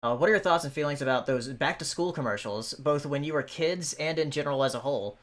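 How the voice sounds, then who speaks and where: A man's voice: a little high, quick pace, a bit bright. A man in his thirties hosting a podcast, reading out viewer chats and chatting in an easygoing way. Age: 30s. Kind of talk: casual chat.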